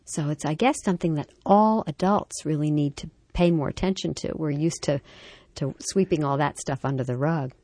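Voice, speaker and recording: A woman with a notably low voice hosts a parenting program. She reads a story and then interviews a guest in a measured, thoughtful manner. The recording is dry and close. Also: warm tone, no room sound. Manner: measured and reflective. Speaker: radio talk show host. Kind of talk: scripted story reading and interview.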